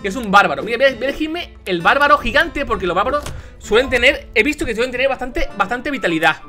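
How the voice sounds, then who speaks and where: A young man with a Spanish accent commentating a video game he is playing, casual, excitable, shouting and swearing when things go wrong. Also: extremely high pitch, fast talker, soft background music. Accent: Spain. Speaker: gaming youtuber. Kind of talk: casual let's play commentary.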